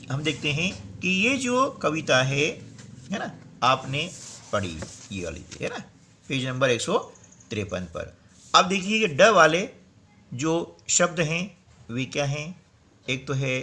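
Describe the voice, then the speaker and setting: A man's voice: a little high, bright, forceful tone, slight background noise. A man teaching a workbook lesson, explaining step by step and often checking with "है ना". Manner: explains slowly, repeats "है ना" and "ठीक है ना".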